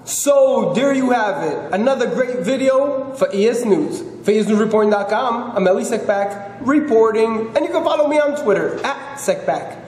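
A man reporting on a sports story from a bicycle on a city street at night, in quick upbeat promotional patter. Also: very high-pitched, expressive, darkish tone, rough recording.

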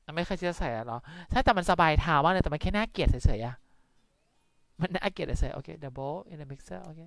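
A woman's voice: deep voice, fairly quick, vocal fry, no room sound. A young Thai woman streaming a video game, chatting casually and mixing Thai-accented English with playful curses. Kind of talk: casual live game commentary.

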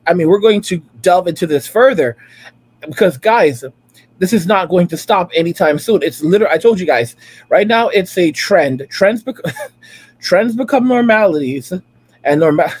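A reaction streamer in his late thirties, close to forty, talks over video clips from a room at home in a high-pitched voice. His commentary is emphatic and repetitive, and he drives his points home again and again with a preachy tone.

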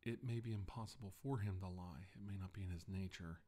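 In an ASMR roleplay, a middle-aged man plays a solemn doctor giving slow deposition testimony about his alien abduction, halting and deliberate with long pauses. His low, dark voice sounds grave and measured, seated indoors at a table with a microphone close in front.

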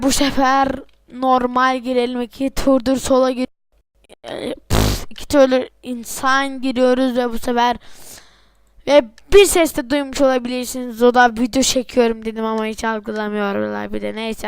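A woman giving excitable let's-play game commentary, swearing and breaking into sudden yells, her voice off from being sick. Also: a little high, clean tone, no echo, studio quality. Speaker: gameplay commentator.

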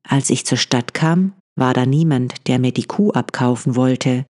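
Sheepish old farmer, read by a woman, low voice, husky, plain. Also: a little slow, a little mellow.

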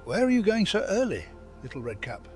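A man voicing a sly, hungry male wolf in a read-aloud fairy tale, with a smooth, coaxing delivery. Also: sits high, huge pitch swings, a little fast, faint music behind, pitched above the performer's own voice.

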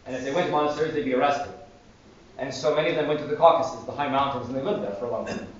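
A male priest giving a sermon in a church, telling stories with animated energy. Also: mid-range voice, very fast. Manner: animated storytelling. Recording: distant echoey church, dull sound.

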